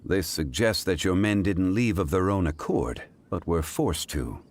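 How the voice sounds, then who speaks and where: Deep, composed scholarly gentleman. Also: lively intonation. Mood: methodical. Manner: formal, deliberate, precise. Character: composed, scholarly gentleman consultant, measured and formal. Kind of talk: English video game voice acting.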